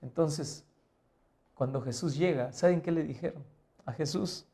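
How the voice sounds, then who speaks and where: A male pastor teaches a Bible lesson like a sermon, firing rhetorical questions at the listener and shifting between quiet and loud emphasis. His voice is fairly high, creaky and unhurried.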